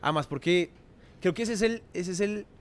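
A man's voice: sits high, normal speed. A man in his thirties with a Bogotá accent, chatting as a podcast guest in crude, slang-filled banter full of restarts. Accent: Bogotá Colombian. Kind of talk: casual chat.

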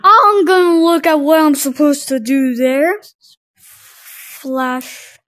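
Nervous high-voiced woman playing a horror game. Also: steady tone, takes it slowly, fairly bright tone. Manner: nervous, scared reactions with gasps and slangy exclamations. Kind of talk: casual gameplay commentary. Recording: clearly noisy, game sounds behind.

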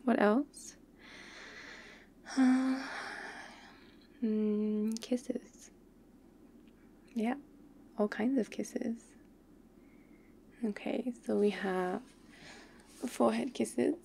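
A woman plays an affectionate, playfully pouty girlfriend in an ASMR role-play. Her voice is intimate, soft and mellow, with a gravelly fry at the edges. She speaks slowly and tenderly, over faint ambient noise. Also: medium pitch, fairly even intonation. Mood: teasing, intimate.

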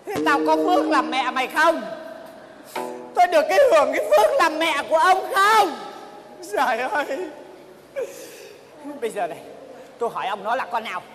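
A woman's voice: sits high, big pitch swings, moderate pace, pauses often, fairly bright tone, faint music behind, some chatter behind. A woman playing a furious jealous wife and mother with a Northern Vietnamese accent, shrieking and scolding theatrically. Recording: live stage, hall reverb, audience noise.

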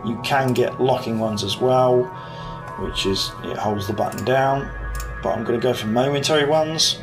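A British hobbyist YouTuber in his thirties casually walks through his home cockpit build in his living room, thinking aloud and saying "um" as he shopping-lists parts. He speaks with medium pitch at a moderate pace, with clear background music under his voice.

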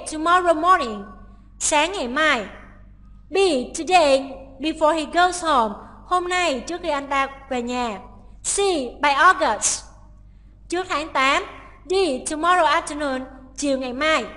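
Bright high-voiced woman teacher. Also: long reverb tail. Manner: explains step by step, switching to read English lines. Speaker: English teacher. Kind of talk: exam-prep lesson.

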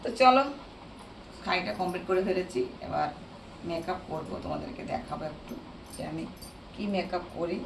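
Hoarse, gravelly-voiced woman vlogger. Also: lowish voice, fairly even intonation, fairly quick. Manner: chatty, addresses viewers directly. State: hoarse, strained voice from a sore throat. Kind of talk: casual chat to viewers. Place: room at home. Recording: roomy echo, distant mic, noisy background.

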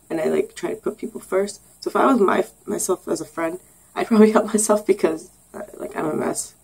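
A woman's voice: medium pitch, darkish tone, breathy edge, rough recording. A young woman vlogging casually, rambling and giggling, with lots of ums and sarcastic asides. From Canada. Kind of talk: casual get-to-know-me vlog.

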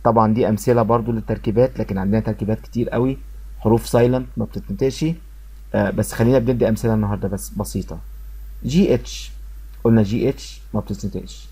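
A man's voice: fairly low pitch, fairly even intonation, mellow, slightly rough. A man with an Egyptian Arabic accent teaching an English lesson, drilling each word by repeating it and talking straight to his students. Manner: repeats words slowly to drill pronunciation; addresses students directly. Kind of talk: classroom lesson explanation.

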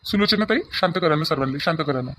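A man's voice: a little high, expressive, fast talker, a bit bright, slight background noise. A man voicing a businesslike loan officer in a village cartoon, explaining terms with a Varhadi Marathi accent.

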